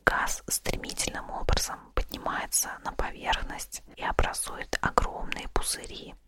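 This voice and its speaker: A podcast host telling stories in a soft, relaxing ASMR whisper, close to the microphone. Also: measured pace.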